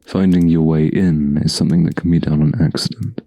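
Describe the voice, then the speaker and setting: A man takes an exaggerated turn as a gentle, protective huntsman in a soft, intimate ASMR fantasy roleplay, keeping his tone level. The recording is dry, and his low, breathy, gravelly voice moves through slow, soothing, old-world phrasing with a grave, brooding mood.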